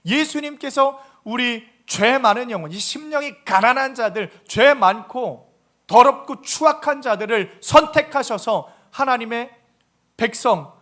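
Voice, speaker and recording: A man's voice: very high voice, lively intonation, a little slow, a bit bright. A man preaching a Sunday sermon as pastor, emphatic and throwing rhetorical questions at the congregation.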